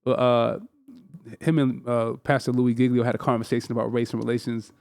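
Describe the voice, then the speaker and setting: A man's voice: mid-range voice, fairly quick, vocal fry, clear, resonant tone. A man hosting a podcast, talking casually and with energy, often repeating words to drive a point home. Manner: animated, repeats words when making a point. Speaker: podcast host. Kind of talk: casual chat.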